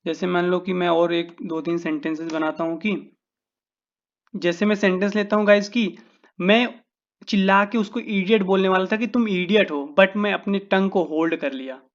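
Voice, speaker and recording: A man's voice: high-pitched, fairly even intonation, moderate pace, highs cut off. A man with an Indian accent teaching English phrases in a casual lesson, drawing out his example sentences word by word and calling his viewers "guys".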